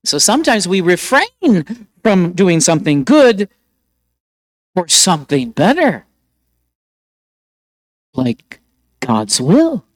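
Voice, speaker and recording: A man's voice: sits high, big pitch swings, slow, pauses often, no room sound. A man preaching a sermon, firing off rhetorical questions and often repeating his words.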